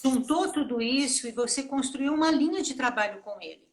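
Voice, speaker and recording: A woman's voice: high-pitched, animated, brisk. A Brazilian woman hosting a live interview, affirming her guest and asking questions. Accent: Brazilian Portuguese.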